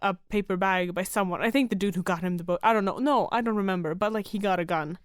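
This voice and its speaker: A woman's voice: medium pitch, fast, clean tone, no room sound, clean studio sound. A woman co-hosting a podcast, chatting casually and animatedly with a co-host and swearing freely. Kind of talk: casual chat.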